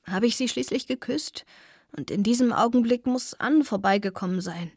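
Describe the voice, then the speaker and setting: A woman with a husky voice reading the lines of a middle-aged father, hushed and quiet. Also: fairly high pitch, moderate pace, no echo, clean studio sound. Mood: remorseful. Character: remorseful middle-aged father, shaken and pleading.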